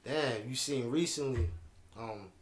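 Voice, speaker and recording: A man hosting a podcast in casual chat, slangy and quick to laugh, saying "yeah" over and over. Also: mid-range voice, echoey room. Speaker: podcast host.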